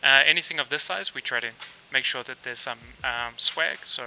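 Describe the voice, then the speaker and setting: With a mid-range voice at a moderate pace, a New Zealand-accented man hosts a laid-back live coding stream. He reasons aloud with many fillers while working. The low-quality recording has slight background noise.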